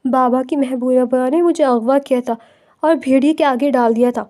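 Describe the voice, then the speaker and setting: A woman's voice: high voice, dark tone, close to an everyday voice. A woman reading the lines of a frightened young girl who was kidnapped, in an audiobook novel. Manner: frightened, crying out.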